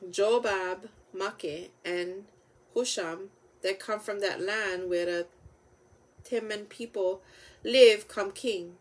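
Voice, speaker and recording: A woman with a Hawaiian Pidgin accent reading Bible stories aloud, halting a little over the names. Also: mid-range voice. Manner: halting over names, with stumbles and self-corrections.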